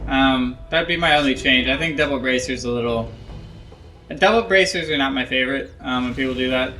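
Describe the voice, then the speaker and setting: A man's voice: medium pitch, fairly quick, bright, forceful tone, soft background music. A young man giving casual, self-critical commentary over his own match footage, rambling with lots of ums and likes, drowsy and yawning. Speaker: gameplay analyst.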